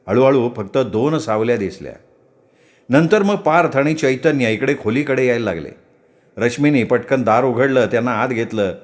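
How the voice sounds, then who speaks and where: A man narrating a story with dramatic, vivid delivery. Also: medium pitch.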